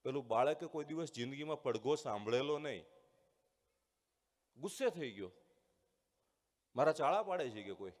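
A man who is a former student giving a motivational speech with a story to schoolchildren, earnest, acting out voices and slowing down for key points. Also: mid-range voice, expressive. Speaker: guest speaker, former student addressing schoolchildren. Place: large hall at a school event. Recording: long hall reverb.

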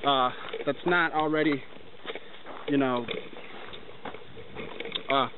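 A young hiker films his trip in the forest, talking casually and rambling to a handheld camera at arm's length. He keeps a steady tone at medium pitch and takes it slowly. The audio is tinny, lo-fi and faintly noisy.

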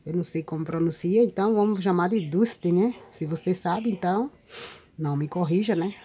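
A woman's voice: on the low side, fairly quick, mellow. Chatty Brazilian woman outdoors in wind. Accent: Brazilian Portuguese. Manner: chatty, addresses viewers often with tag questions. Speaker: paper craft video maker. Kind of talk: casual show-and-tell vlog. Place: outdoors in a windy spot.

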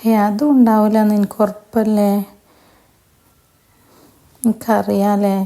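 A woman voicing a grieving widowed religious teacher, a gentle father who talks tearfully. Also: mid-range voice, little pitch movement, takes it slowly. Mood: calm. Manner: tearful, pleading.

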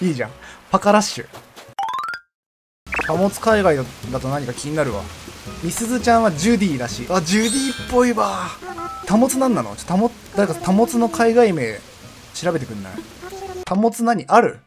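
A young man giving casual commentary while streaming a game, chatty and laughing often, with sudden loud outbursts. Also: high voice, big pitch swings, a little fast. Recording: game music playing behind the voice. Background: background game music.

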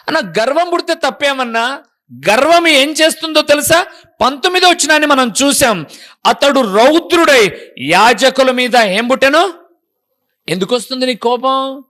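A man's voice: extremely high pitch, expressive, a little slow, long pauses, sharp tone. A man preaching a sermon as a pastor, pressing the congregation with repeated rhetorical questions.

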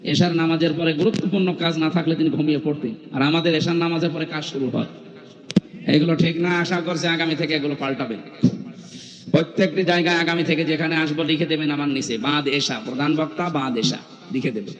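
A man's voice: fairly high pitch, fairly even intonation, a little fast. A male preacher giving a sermon at a large open-air evening gathering, emphatic and chiding with touches of humor, through a stage microphone. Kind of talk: Islamic sermon at an outdoor gathering. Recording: muffled hall echo from PA.

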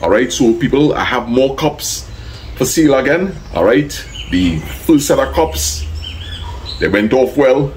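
A man's voice: medium pitch, animated, measured pace, darkish tone, slight background noise, low-quality recording. A man with a Trinidadian accent, chatting casually to his viewers and thanking people by name. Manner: easygoing, thanks people by name, gives plain advice. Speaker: vlogger. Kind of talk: casual vlog chat.

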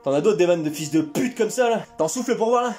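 A man doing a crude comic sketch monologue, with mock-serious asides and sudden shouts. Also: high-pitched, lively intonation, quick pace, faint music behind. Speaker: comedian parodying a survival show.

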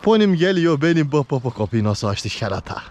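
A man's voice: medium pitch, big pitch swings, a little fast. A man filming his poultry on a head-mounted camera outdoors at a coop, chatting casually to viewers and cooing at his dog and chicks. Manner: affectionate baby talk to his dog and chicks. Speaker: poultry keeper vlogger. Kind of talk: casual chat with viewers and animals. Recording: loud farmyard noise behind the voice. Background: loud chickens and roosters.

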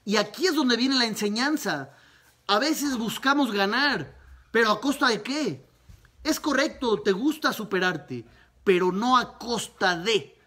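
Rabbi giving a lively Talmud lesson. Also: male voice, very high voice, unhurried. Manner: lively retelling with rhetorical questions.

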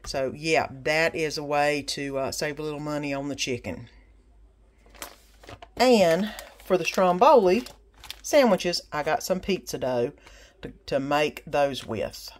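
A middle-aged woman chats casually through a grocery haul, pausing on ums and sale prices. Her voice sits a little low. She is recorded on a phone held over the counter in her home kitchen. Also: animated, a little hiss or hum. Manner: chatty, practical, with frequent ums and sale prices. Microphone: phone camera over a kitchen counter.

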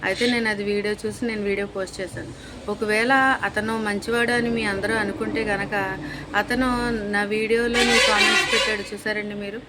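A woman's voice: medium pitch, level tone, brisk, very noisy. A young woman vlogger delivering an angry, accusatory rant straight to the camera, scolding and repeating insults. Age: young adult.

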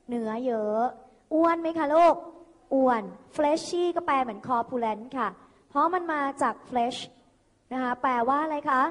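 A woman's voice: high-pitched, big-room sound. A woman tutor teaching vocabulary on TV, coaxing students to answer and repeat after her. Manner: animated, coaxing call-and-response with students. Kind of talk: lively TV tutoring lesson.

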